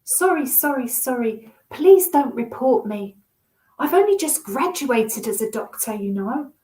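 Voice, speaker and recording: A woman's voice: high voice, very animated, unhurried, darkish tone. A woman voicing a nervous young male doctor with a posh English accent, flustered and apologetic. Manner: flustered, apologetic, sing-song. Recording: roomy echo.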